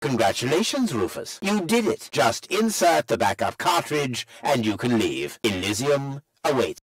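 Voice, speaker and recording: Smug scheming officer, game voice, lively pitch, dry studio sound. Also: male voice, unhurried, no room sound. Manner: smug, lecturing. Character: cold scheming male officer, scornful.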